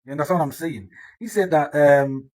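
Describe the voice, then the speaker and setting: A man's voice: fairly high pitch, fairly quick, darkish tone, poor audio. A man delivering an insistent, repetitive opinion monologue. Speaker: commentator.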